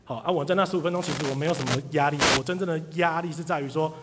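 Before an audience in a hall, a man gives a live motivational talk, telling a lively story about his sales career and acting out the people he quotes. His voice is fairly high and very fast, and the reverberant recording is very noisy.

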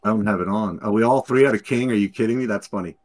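A man's voice: lowish voice, fast talker, a little mellow. A man chatting and joking with friends while playing online poker. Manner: joking, self-talking banter. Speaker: poker player on voice chat. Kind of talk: casual chat during online poker.

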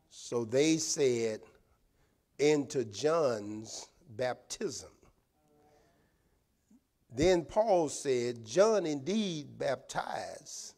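A man's voice: mid-range voice, darkish tone. An older man preaching a sermon from the pulpit of a church sanctuary, drawing out his words and repeating amens. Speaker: pastor. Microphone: pulpit microphone, far camera.

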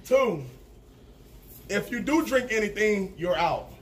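A man running a spicy wing challenge with friends, setting the rules slowly and laughing along. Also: high-pitched, expressive, slight background noise. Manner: slow, laying down rules, laughing a lot. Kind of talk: casual group chat. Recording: distant camera mic.

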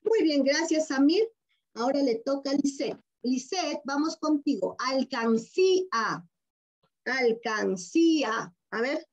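Her voice is high-pitched, expressive and a little mellow, at normal speed, with a Peruvian Spanish accent. She is a Peruvian woman running an online primary class, coaxing answers with questions and repeating key words in a patient, affectionate way. The video call audio is dull and lo-fi.

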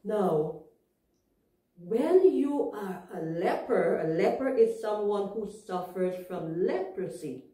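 A woman teaching young children a Bible story, explaining things simply and asking them gentle questions. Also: mid-range voice, lively intonation, slow pace. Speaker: Sabbath school teacher. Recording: echoey room, far from mic.

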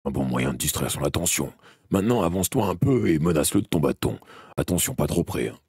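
A stern, steady monster hunter, put on by a male reader, speaking in a very deep, dark voice. His orders come out low and gruff, with a husky edge, calm even in danger. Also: a little fast, no echo, studio quality. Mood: grave, calm.

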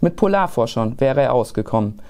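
A man reading a children's Christmas story aloud in a lively, expressive way. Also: mid-range voice, a little fast.

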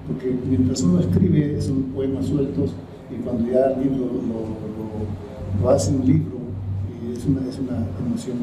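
A middle-aged man answers interview questions slowly and reflectively, often pausing and repeating himself as he finds his words. His voice sits at an ordinary pitch and is picked up from across a roomy space. There is a clear hum of background noise. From El Salvador, raised in the United States. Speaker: writer and poet, interview guest. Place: high-floor room by a large window over a city. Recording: roomy echo from the camera mic at a distance, noise behind.

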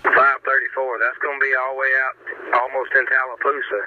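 A man's voice: medium pitch, level tone, brisk. A man with a Southern US accent talking as a police officer on two-way radio, informal and matter-of-fact. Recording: tinny, noisy police scanner radio.

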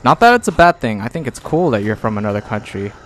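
A man's voice: mid-range voice, sing-song, fast talker, a little hiss or hum. A young man giving casual gameplay commentary with playful, self-mocking banter.

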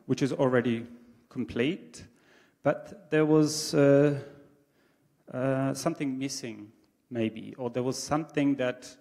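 On a dark theatre stage with a projection screen, a male conference speaker whose first language is English gives a presentation into a handheld mic. His mid-range, slightly mellow voice is measured and thoughtful, with frequent ums and restarts. The large theatre hall adds a long reverb.

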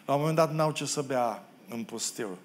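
A pastor from Romania preaching a sermon in a church, acting out the quoted biblical figures and making self-deprecating asides to the congregation. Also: male voice, medium pitch. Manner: expressive preacher who acts out the biblical quotes. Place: church hall.

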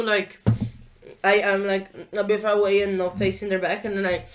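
A woman's voice: mid-range voice, a bit bright. A woman playing a tabletop role-playing game, chatty and enthusiastic, laughing often. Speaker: player. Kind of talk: casual game chat.

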